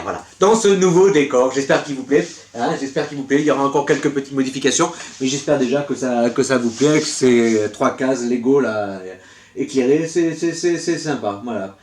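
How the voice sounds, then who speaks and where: A man's voice: medium pitch, slight background noise. A man ranting in a casual vlog, exasperated and repeating his words. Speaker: collector vlogger.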